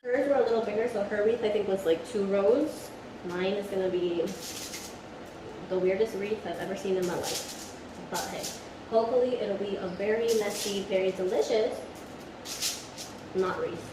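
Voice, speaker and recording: A woman's voice: medium pitch, normal speed, long pauses, background noise. A woman chatting casually and upbeat through a home cooking vlog, joking about her own results. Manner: chatty, upbeat, self-deprecating. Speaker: nail channel host trying a recipe. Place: home kitchen.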